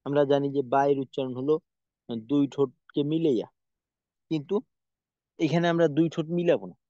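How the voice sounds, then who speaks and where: Man, recitation teacher, patient sound demonstrations, slightly high voice, dull dry recording. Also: steady tone, warm tone, no echo. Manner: patient, demonstrates sounds by repeating them slowly. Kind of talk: spoken lesson on pronunciation.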